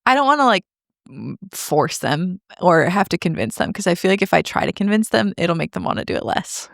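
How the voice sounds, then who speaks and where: A woman co-hosting a casual podcast from home, talking in a relaxed, rambling way with many fillers. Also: lowish voice, brisk, creaky, no echo, clean studio sound. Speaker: podcast co-host. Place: home in Southeast Michigan.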